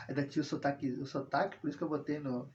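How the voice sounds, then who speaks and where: His voice is a little high with fairly even intonation, a quick pace, and a darkish tone, while slight background noise runs beneath the dull lo-fi recording. The speaker, a religious video host from southern Brazil, rambles through a casual personal monologue full of tag questions and self-corrections.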